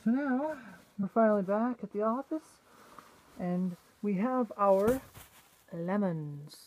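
A vlogger holds a phone while walking outdoors, through a store and in a room, chatting playfully and rambling, sometimes breaking into silly singing. The voice is medium-pitched with lively intonation and a slow pace, against a noisy background.

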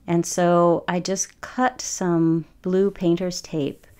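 A woman's voice: fairly low pitch, little pitch movement, slow pace, dark tone, smooth. A woman in her forties chatting casually over her painting process, rambling with frequent ums. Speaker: watercolor artist.

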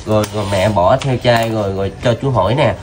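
A man's voice: lowish voice, quick pace. Coaxing man interviewer. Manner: gentle, coaxing questions with many fillers. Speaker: vlogger interviewing a child. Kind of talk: casual street interview. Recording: outdoor video with noticeable background noise.

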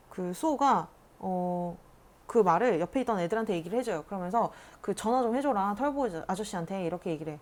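A woman reading teacher retells a children's story at a brisk clip. She speaks casually, with many fillers, and briefly acts out the characters' lines. Her pitch sits in a middle range. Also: darkish tone.

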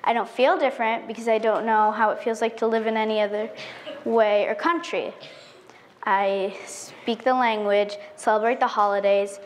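A teenage girl from the United States giving a prepared speech on an auditorium stage, reciting carefully and earnestly. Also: mid-range voice. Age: teen. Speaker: student speaker.

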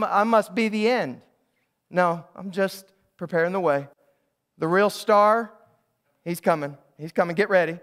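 A man preaching a sermon as a pastor in a church, stopping and restarting phrases and asking the congregation to repeat lines after him. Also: high voice. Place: church sanctuary.

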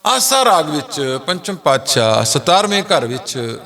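A middle-aged man delivers a sermon at a very unhurried pace. He chants lines of scripture, then explains them in plain speech. His voice sits a little high and sounds bright and forceful. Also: very animated. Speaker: Sikh preacher.

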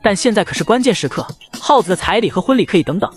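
A man's voice: sits high, lively intonation, very fast. A man narrating a recap of a short drama, full of mocking quips and jokes. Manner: mocking, quipping asides. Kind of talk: joking recap narration over clips.

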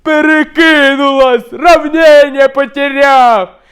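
A man playing a loud, hapless hunter buddy. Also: sits high, smooth. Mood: panicked yelling. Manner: loud, drawn-out cries and stammering. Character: hapless tipsy male hunter friend, middle-aged.

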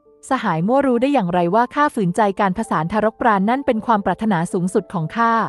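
A woman voicing a cold, cunning young male cultivator in a storybook reading, speaking low and measured. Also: lively intonation, faint music behind, lightly acted.

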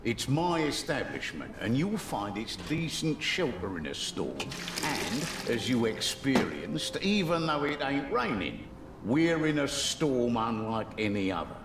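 Middle-aged fantasy game innkeeper, blunt, animated intonation, distant sound with noisy ambience. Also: male voice, mid-range voice, unhurried, roomy sound. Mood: blunt, urgent. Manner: blunt, matter-of-fact storytelling. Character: gruff, plain-spoken male innkeeper in a dark fantasy game. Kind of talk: scripted game dialogue.

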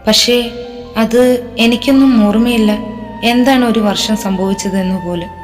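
Brief: gentle young heroine, voiced by a woman narrator, storybook serial, roomy sound over music. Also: fairly high pitch, moderate pace, close to an everyday voice. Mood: calm. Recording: reverberant with background music.

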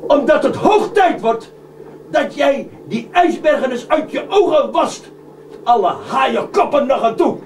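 A man voicing a stern, gruff male ship captain in a live puppet show, speaking slowly and scolding. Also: sits high, animated, voice pushed down, full character voice. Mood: mocking. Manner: slow, scolding. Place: museum room. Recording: echoey room, distant mic, noisy.

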